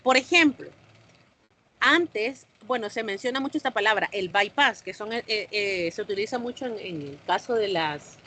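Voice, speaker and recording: A woman's voice: mid-range voice, expressive, moderate pace, bright, forceful tone. A woman teacher explains the lesson to her online class and stops to put questions to them.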